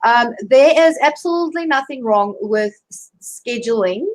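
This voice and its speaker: A woman with a South African accent coaches job seekers over a video call, her voice a touch higher than most. She talks in a chatty way and often restarts her sentences with fillers. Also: animated, normal speed, low-quality recording. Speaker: career coach guest. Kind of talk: live online interview.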